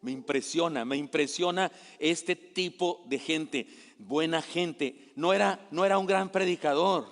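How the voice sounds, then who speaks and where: A male pastor preaching a sermon in a lively, conversational way, often asking his listeners questions. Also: fairly high pitch, unhurried. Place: church sanctuary. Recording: echoey church hall.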